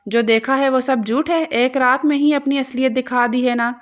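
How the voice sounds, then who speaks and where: A woman voicing an angry middle-aged aunt who shouts accusations at a young girl. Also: high voice, fairly even intonation, dull audio, pitched above the performer's own voice, lightly acted. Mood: furious.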